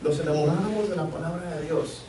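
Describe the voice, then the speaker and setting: Pastor preaching earnestly in echoey church. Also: male voice, on the high side, fairly quick, crowd noise. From Mexico. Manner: earnest, repeats key phrases for emphasis. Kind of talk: sermon. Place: church sanctuary. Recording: echoey church, mic at a distance.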